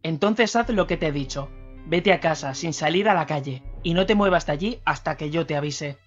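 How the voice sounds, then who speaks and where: A man's voice: fairly high pitch, fairly quick, close to an everyday voice. A man playing an insistent anxious older man. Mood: firm. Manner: urgent, insistent. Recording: slightly dull radio recording, faint music.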